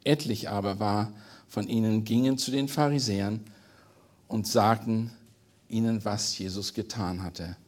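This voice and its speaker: A man's voice: fairly low pitch, fairly even intonation, a little slow. A man reading a Bible passage aloud and then preaching on it earnestly, with small slips and restarts. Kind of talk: scripture reading and sermon.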